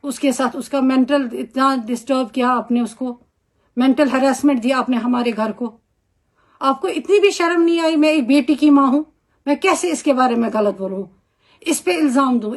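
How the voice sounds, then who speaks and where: A woman with a Kashmiri accent, a homemaker, gives an angry, scolding statement in a social media video. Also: high-pitched.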